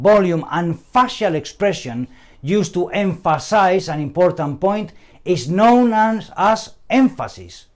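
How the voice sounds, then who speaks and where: A man giving a scripted training lecture on communication, working through numbered points deliberately with pauses. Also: high-pitched, a little mellow.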